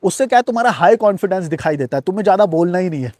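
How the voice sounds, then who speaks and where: A man hosting a self-help video, talking fast in an unbroken flow and addressing the viewer directly, words into his speech. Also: high-pitched, expressive, a little mellow, no echo, studio quality. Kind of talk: fast-paced motivational talk to camera. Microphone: recording to camera on a device.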